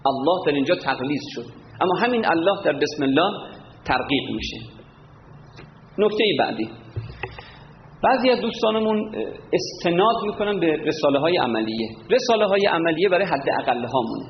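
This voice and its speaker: A man's voice: a little high, expressive. Man teaching Quran recitation in an echoey hall. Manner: instructive, slow chanted demonstrations. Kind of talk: lecture with chanted recitation examples. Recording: roomy hall, dull lo-fi sound, faint background hum.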